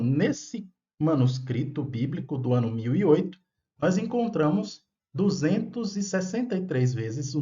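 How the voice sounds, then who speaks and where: A man's voice: on the high side, darkish tone. A man giving an explanatory lesson on Bible languages, patient and often checking in with listeners. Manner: patient, checks in with tag questions. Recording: dull lo-fi sound. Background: faint background music.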